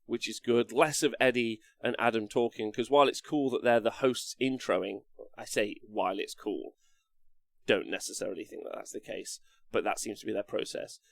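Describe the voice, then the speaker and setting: A man's voice: fairly low pitch, normal speed, creaky, no echo. Casual man chatting on a dry mic. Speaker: streamer host reading and answering live chat. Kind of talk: casual livestream chat about tabletop wargaming.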